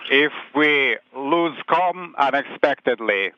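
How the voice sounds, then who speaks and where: A man's voice: mid-range voice, expressive, takes it slowly, noisy background. Male interpreter relaying calls on a mission radio loop; clipped, matter-of-fact delivery through a tinny, phone-like radio channel. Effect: tinny spacecraft radio loop. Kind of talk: terse radio procedure calls. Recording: phone-like narrow radio band.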